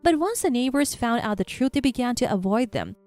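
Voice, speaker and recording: A woman narrating a first-person story in a calm, matter-of-fact manner. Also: fairly high pitch, fairly quick, soft background music.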